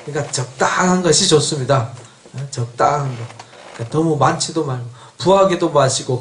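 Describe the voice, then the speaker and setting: A middle-aged male pastor preaching an expository sermon in a church, animated and quizzing his congregation with questions. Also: sits high. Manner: animated, asks the congregation questions, acts out an angry God. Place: church sanctuary. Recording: echoey church hall.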